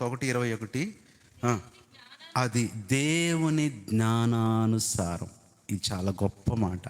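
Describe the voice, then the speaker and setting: A man with a Telugu accent preaching a sermon as pastor, asking the congregation questions and rising to emphatic high-pitched shouts. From India. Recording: long hall reverb.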